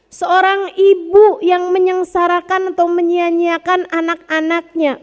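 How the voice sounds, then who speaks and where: A woman preacher, giving an animated sermon that mixes formal address with slang. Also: very high-pitched, big-room sound. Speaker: Islamic preacher.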